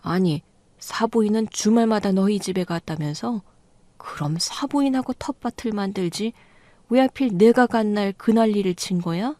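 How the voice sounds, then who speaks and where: A woman's voice: medium pitch, lively intonation, normal speed, warm tone, dry recording, lightly acted. A woman voicing an offended mother who scolds her daughter in a radio drama story. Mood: grumbling. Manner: scolding, complaining. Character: annoyed middle-aged mother, sulky and grumbling.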